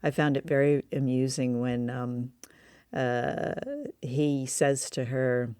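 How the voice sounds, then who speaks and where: Her pitch extremely low and barely moving, a podcast co-host takes it slowly as she chats, amused and asking questions, about an old radio play in a casual review. Her tone is clear, resonant and a little mellow. The recording is studio quality, with no echo.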